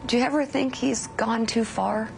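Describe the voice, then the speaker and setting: A woman's voice: on the high side, fairly even intonation, normal speed, vocal fry, faint music behind. A woman interviewing a guest on television, asking direct, probing questions.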